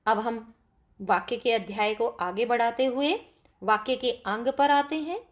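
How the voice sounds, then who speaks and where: A woman's voice: a little high, measured pace. A woman teacher explaining grammar to pupils step by step, often asking them questions. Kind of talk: classroom grammar lesson.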